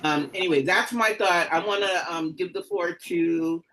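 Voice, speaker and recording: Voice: medium pitch, moderate pace, a bit bright, slight background noise, poor audio. A meeting host speaking emphatically in a group discussion, often checking that listeners agree with her. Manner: emphatic, asks "okay?" for agreement.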